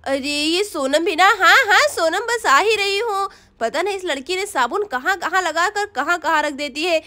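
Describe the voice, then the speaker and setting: Brief: woman playing a harried village mother in a storybook doll tale; scolding but fond, talking fast. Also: very high voice, expressive, sharp tone, heavily acted. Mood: hurried. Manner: scolding, hurried.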